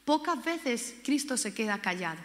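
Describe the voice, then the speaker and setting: A woman's voice: fairly high pitch, expressive, moderate pace. A woman from Spain preaching a sermon with passion, repeating key words and acting out quoted voices. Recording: long hall reverb.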